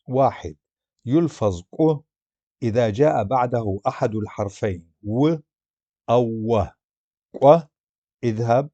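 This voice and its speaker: Male teacher, lowish voice, dry close sound, slow careful letter-by-letter delivery. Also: darkish tone, dry recording. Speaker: language teacher. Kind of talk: grammar lesson narration.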